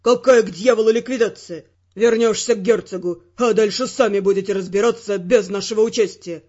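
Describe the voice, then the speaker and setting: A woman voicing a gruff, stern male spy chief. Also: medium pitch, fairly quick, dark tone, lo-fi sound, voice pushed down, natural voice. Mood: stern, angry. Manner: harsh, scolding.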